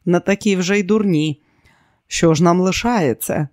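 A man's voice: high voice, unhurried, a little mellow, dry recording, studio quality. A man doing a smug, domineering schemer. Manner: boastful and commanding. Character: arrogant scheming man, quick to rage.

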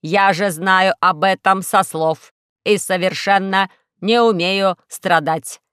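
A woman voicing a dramatic male robot who longs to suffer, talking loudly and slowly. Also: medium pitch, fairly even intonation, clean tone, no echo, clean studio sound. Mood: gloomy. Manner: loud, slow, solemn declaiming.

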